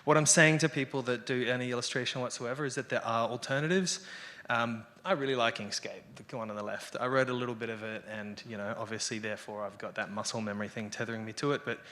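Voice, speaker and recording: A man's voice: medium pitch, fairly even intonation, fast, sharp tone. A man giving a casual, irreverent lightning talk to an audience, rambling and conversational, with salty language and wry asides. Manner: rambling and conversational, peppered with "you know". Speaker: lightning talk speaker, developer and illustrator.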